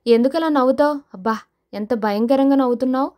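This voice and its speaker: A young wife in a storybook drama, firm and insistent in how she puts things, as a woman narrator voices her. The voice is fairly high and direct. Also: fairly quick, darkish tone, natural voice. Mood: uneasy.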